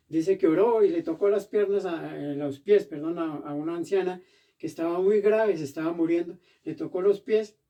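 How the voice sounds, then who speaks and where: A man preaching a sermon as pastor in a church, animated and acting out the voices he quotes. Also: fairly high pitch, distant mic.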